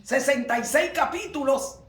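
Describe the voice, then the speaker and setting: A man preaching a sermon in a church, fervent and emphatic, rising at times to shouts. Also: extremely high pitch, moderate pace. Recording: roomy, from far off the mic.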